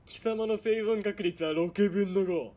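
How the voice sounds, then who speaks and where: A man voices a cruel military police villain for a Japanese radio drama, his high voice running a little slow. The performance is sneering and mocking, ranging from hushed menace to shouted commands.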